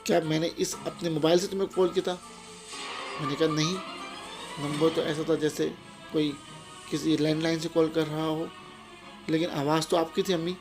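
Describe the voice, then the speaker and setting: A man's voice: fairly high pitch, flat delivery, long pauses. A man narrating a first-person horror story in an anxious, tense retelling, with music playing underneath.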